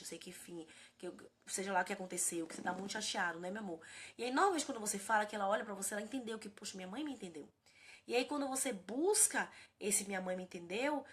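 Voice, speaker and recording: A woman from Brazil talks quickly and earnestly into her phone, hosting a live stream on gentle parenting. Her voice is bright and clear at a middle pitch, and she calls her viewers by name as she answers them. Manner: warm, earnest, addresses viewers by name and as "gente".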